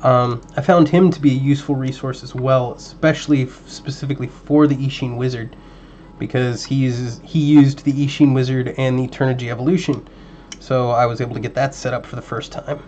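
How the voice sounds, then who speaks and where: Male streamer, casual and talkative with a slightly hoarse voice, often drifting off-mic while working, slightly muffled home audio. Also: mid-range voice, fairly quick. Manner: relaxed, chatty, muttering at parts while working. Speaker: livestream host building a drone. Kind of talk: casual livestream chat while building.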